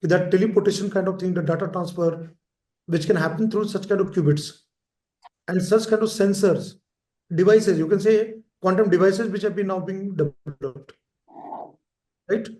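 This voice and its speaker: A man delivers an exam-prep lecture in a high voice. He repeats key terms and keeps checking in with his listeners. The recording carries a roomy echo. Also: normal speed, dark tone. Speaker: teacher. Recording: echoey room.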